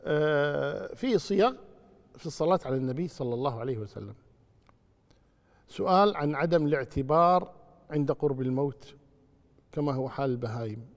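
A man gives a religious question-and-answer lesson, preaching with animation and rising to loud rebukes. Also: on the high side, animated, a little fast, long pauses. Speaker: Islamic scholar answering questions. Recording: long hall reverb.

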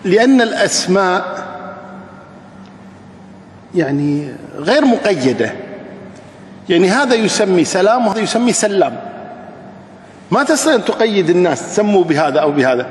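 A man teaching hadith sciences, slowly reciting lines of a classical poem and then explaining them at an easy, patient pace. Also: high voice, big pitch swings, roomy sound, in a large hall, slight background noise.

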